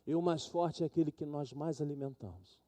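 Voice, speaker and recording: A man's voice: a little high, fairly quick, dark tone. A Brazilian pastor preaching a sermon, who acts out the people in his stories with dramatic swings of voice. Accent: Brazilian Portuguese. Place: church sanctuary.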